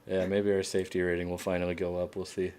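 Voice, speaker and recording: A man streaming a game, chatting casually with other players in a relaxed, hesitant way with many fillers. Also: deep voice, quick pace, slight background noise. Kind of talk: casual voice chat while playing.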